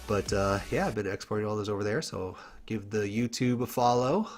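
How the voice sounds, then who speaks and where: Male caster, low voice, stuffy from a cold, relaxed chatty play-by-play over loud game music. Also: a little fast. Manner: casual, chatty, laughs often, many fillers. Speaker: esports commentator. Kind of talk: solo play-by-play commentary.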